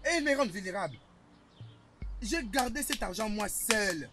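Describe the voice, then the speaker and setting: A man's voice: sits high, animated, moderate pace, over music. A man playing a father who accuses his daughters of stealing his money, exasperated and sputtering, in a French-dubbed film. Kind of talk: Nollywood film dub in French.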